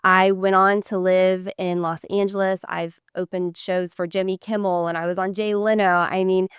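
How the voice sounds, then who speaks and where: A woman's voice: mid-range voice, little pitch movement, moderate pace, clean tone, no echo, studio quality. A woman guest in an interview, speaking in an earnest, motivational way about her own path. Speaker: guest, foundation founder. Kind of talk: casual interview chat.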